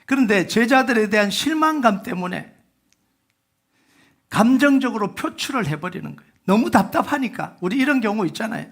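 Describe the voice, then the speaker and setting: A male pastor preaching a Sunday sermon in a church, talking to his congregation like a conversation. His voice sits high for a man and has a gravelly edge. He keeps asking rhetorical questions and calls on the room to read scripture with him. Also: expressive, moderate pace, a bit bright. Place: church sanctuary.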